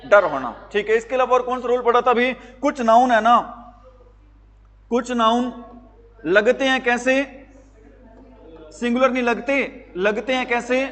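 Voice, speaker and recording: Quizzing students with repeated questions, a man teaches grammar in a very high, somewhat bright voice. His pace is measured and he pauses often. Long reverb trails his words, like a recording made in a big hall.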